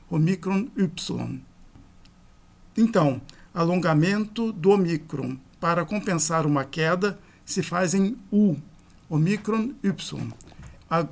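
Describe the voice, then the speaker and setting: A man teaching a grammar lesson, explaining forms one by one in a methodical, explanatory way. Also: a little high. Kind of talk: slow grammar lecture.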